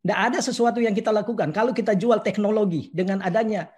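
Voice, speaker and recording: A man's voice: high-pitched, fast talker, darkish tone. A man speaking as a guest in a live video call discussion, earnest and outspoken, making long statements. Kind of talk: earnest opinion talk.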